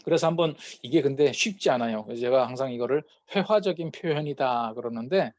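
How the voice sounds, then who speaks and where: A peacemaking course lecturer talks at a quick pace in a mid-range, darkish voice, recorded with no echo. His lecture is conversational and full of fillers, and he acts out short quarrels as example dialogues.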